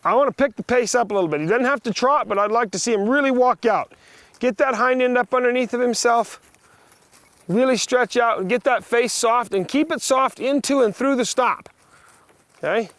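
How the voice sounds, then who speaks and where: A man teaching a riding lesson, giving brisk, projected commands in short directives along with plain, practical explanation. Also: very high-pitched, fairly bright tone, no echo. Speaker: horse riding instructor. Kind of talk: hands-on riding lesson, instructing a student.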